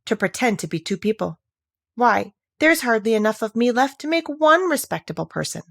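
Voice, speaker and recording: Curious, polite little storybook girl, played by a woman, musing to herself, lively swings in pitch, slightly creaky, close dry sound. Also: normal speed, heavily acted. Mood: forlorn. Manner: self-scolding, musing aloud.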